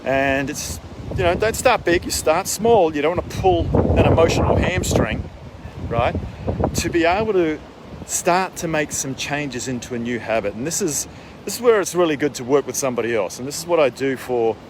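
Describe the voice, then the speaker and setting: A man's voice: fairly high pitch, animated, moderate pace. A man giving casual, emphatic wellness advice like a coach, checking in with the listener as he talks. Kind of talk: casual spoken advice vlog. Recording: windy outdoor mic, boat and water noise.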